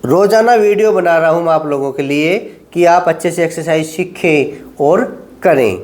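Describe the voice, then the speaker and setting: A middle-aged man teaching knee exercises as a yoga instructor, giving firm directions, repeating "ठीक है" and counting slowly through each hold. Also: fairly high pitch, a little mellow.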